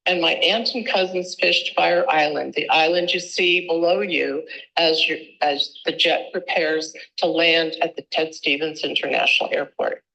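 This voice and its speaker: Low-voiced woman over a speakerphone. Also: sharp tone, poor audio. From Alaska, Upper Cook Inlet. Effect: heard over a cell phone on speakerphone through room microphones. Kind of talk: formal public testimony, read statement.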